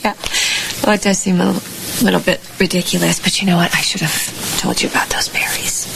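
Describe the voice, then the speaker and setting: Soft soap opera woman, creaky breathy voice, overacts it, noisy tv audio. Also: lowish voice, steady tone, fairly quick. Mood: tender, confiding. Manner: hammy, overacted, half-whispered intimate delivery. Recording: noisy television soap clip.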